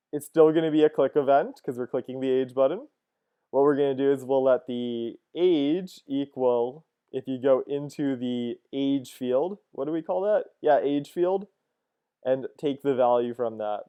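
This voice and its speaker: Man, thirties, coding lesson, casual, thinks aloud, smooth resonant tone, desk mic. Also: mid-range voice, unhurried, mellow, lo-fi sound. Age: 30s. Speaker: teacher. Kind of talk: screen-recorded coding lesson.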